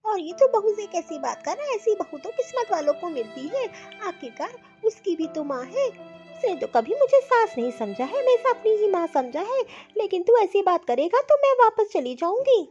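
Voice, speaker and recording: A woman voicing a gentle, caring older mother-in-law in a cartoon story, talking softly and fondly. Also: extremely high pitch, big pitch swings, normal speed, soft background music. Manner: soft, fond, soothing. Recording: dull lo-fi audio.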